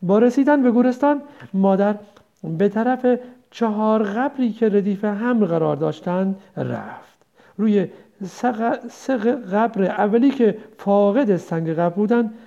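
A woman narrating an audiobook story in a measured storytelling manner, on a dull lo-fi recording. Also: mid-range voice, animated, creaky, dark tone.

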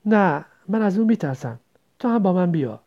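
A man's voice: sits high, big pitch swings, warm tone. A man voicing a frightened young village girl who pleads and stammers. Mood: pleading. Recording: dull lo-fi recording.

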